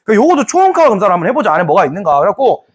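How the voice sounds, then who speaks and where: A man's voice: high voice, sing-song, rapid-fire, husky. A man teaching a history class in a playful, joking way, acting out scenes. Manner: playful, jokey, acts out scenes. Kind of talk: lively classroom lecture.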